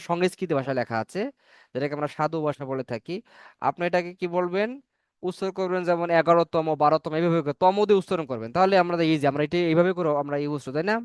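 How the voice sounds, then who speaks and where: A man teaching a spoken English class, repeating each number slowly so learners can say it after him. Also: on the high side, clean tone, dry recording.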